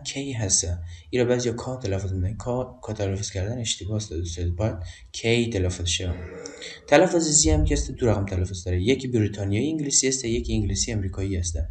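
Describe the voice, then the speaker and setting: A man with an Afghan Dari accent explains basic English grammar in a patient, repetitive way, stopping often on hesitations. His voice sits fairly low, picked up from a distance in a room with a noticeable echo. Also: a little mellow. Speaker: English teacher. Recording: roomy echo, distant mic.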